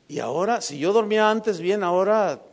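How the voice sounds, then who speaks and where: A man preaching a sermon, telling a personal story, swinging from hushed lines to emphatic ones. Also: sits high, expressive, moderate pace.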